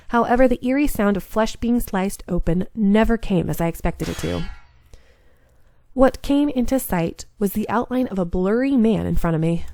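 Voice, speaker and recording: A woman's voice: medium pitch, creaky, dark tone, no room sound, studio quality. A woman reading a visual novel aloud, breaking off for chatty, self-mocking remarks about her slips. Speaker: game streamer.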